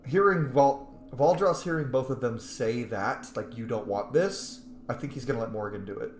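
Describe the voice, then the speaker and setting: This man, mid-range in pitch and speaking at a normal pace, plays a video game and comments on it in a casual, chatty, opinionated way. Faint background noise and an echoey room color the recording.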